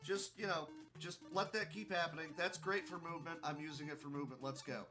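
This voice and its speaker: A man's voice: a little high, steady tone, fairly quick, music in the background. A tired, yawning man commentating his live speedrun in a casual style, rambling through joking, self-mocking asides.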